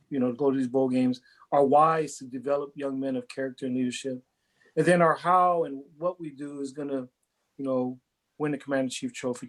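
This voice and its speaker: A middle-aged man from Hawaii, a football coach, talks through his answers in an interview. His voice sits at an ordinary pitch, and his manner is earnest and reflective, repeating words as he gathers his thoughts. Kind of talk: interview answers, casual chat.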